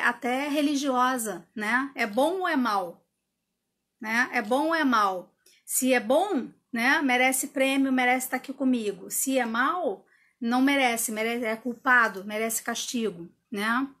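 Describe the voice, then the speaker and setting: A woman's voice: fairly high pitch, fairly bright tone. A woman coach giving a casual live talk. She explains with rhetorical questions and tag questions, and acts out her own inner dialogue. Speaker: personal development coach. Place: indoor room with a window.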